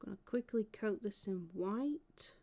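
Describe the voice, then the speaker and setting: A woman's voice: mid-range voice, animated, unhurried, dark tone. A woman streaming as she paints miniatures, chatting casually and thinking aloud about her work. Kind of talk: casual live-stream chat.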